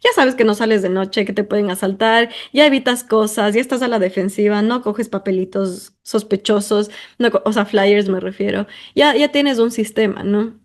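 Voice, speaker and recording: A woman's voice: mid-range voice, normal speed, hardly any pauses. A woman from Ecuador, hosting a personal monologue in an emphatic, talkative way full of intensifiers and fillers. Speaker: podcast host.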